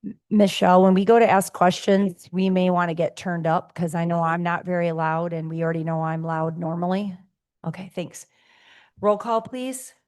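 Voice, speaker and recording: Hoarse woman mayor chairing a meeting. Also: on the low side, fairly even intonation, a little mellow. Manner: chairs the meeting with fillers and quick asides. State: hoarse, raspy voice. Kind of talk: formal meeting procedure. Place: city commission meeting room.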